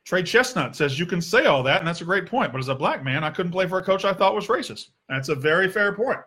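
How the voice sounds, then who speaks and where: Bright, heated, profane male sports podcaster. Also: sits high, animated, fast, husky. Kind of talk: opinionated sports rant.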